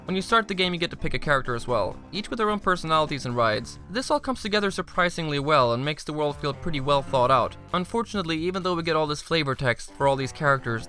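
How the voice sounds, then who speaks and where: A man hosts a scripted video game review at a quick pace. His voice is bright and forward, with dry, sarcastic asides. Music plays lightly underneath. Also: a little high. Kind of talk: scripted comedic review narration.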